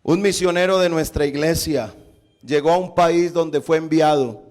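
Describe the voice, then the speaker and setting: A male pastor preaching a sermon, telling a story with animated delivery. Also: on the high side, normal speed.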